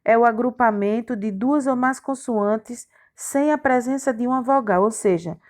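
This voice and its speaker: A woman's voice: on the high side, moderate pace, a little mellow. A woman teacher, giving a recorded grammar lesson to young children and spelling out letters and syllables one by one. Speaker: primary school teacher.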